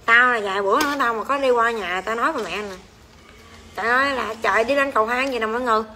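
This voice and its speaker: Her fairly high voice races along, pushed and bright, over a little hiss or hum. A Southern Vietnamese livestream seller and host, she rants at her viewers in a rambling, exclamatory, crude way during a casual stream.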